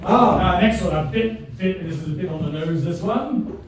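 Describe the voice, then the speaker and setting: A man's voice: high-pitched, animated, moderate pace, a little hiss or hum. A man in his sixties hosting his own gig, chatting between songs in a jokey, rambling, self-mocking way. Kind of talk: chatty between-song banter. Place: live music venue. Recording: echoey venue from far off, music behind.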